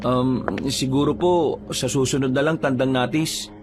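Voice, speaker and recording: A man playing a steady, protective village father who talks in a plain, reassuring way. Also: mid-range voice, normal speed, over music, natural voice.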